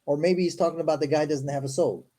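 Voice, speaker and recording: A man's voice: on the high side, steady tone, quick pace, mellow. A male host reading scripture aloud and breaking in with sarcastic, skeptical asides.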